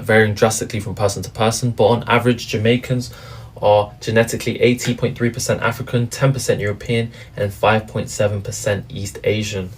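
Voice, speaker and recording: A man narrating a casual history explainer in a relaxed way, with frequent fillers. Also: fairly low pitch. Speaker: video narrator.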